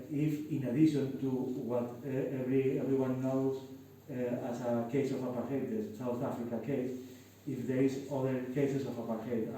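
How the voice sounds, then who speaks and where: Echoey distant Spanish-accented man, halting. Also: mid-range voice, mellow, a little hiss or hum. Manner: halting, many fillers and restarts. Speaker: lawyer. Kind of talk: panel discussion remarks. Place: university classroom. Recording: echoey classroom, distant mic.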